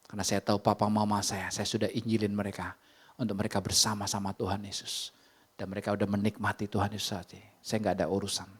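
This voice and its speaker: A man preaching a sermon in a church, emphatic and conversational, sometimes rising sharply in pitch for emphasis. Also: little pitch movement, quick pace, husky. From Indonesia. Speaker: pastor. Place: church hall.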